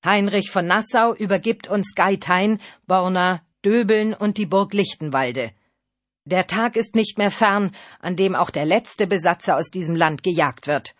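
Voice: medium pitch, moderate pace, dry recording, lightly acted. A reader voicing a stern, victorious male nobleman who makes formal proclamations in an audiobook. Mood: triumphant. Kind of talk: audiobook reading.

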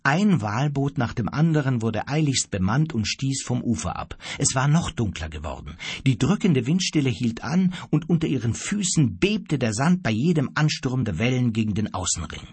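A man reads an adventure story aloud in a dramatic, storytelling way. His voice has a husky grain and moves a lot in pitch. It is recorded dry and close, with no room sound. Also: sing-song, moderate pace, hardly any pauses, a little mellow, no echo. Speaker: audiobook narrator. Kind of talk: scripted narration.

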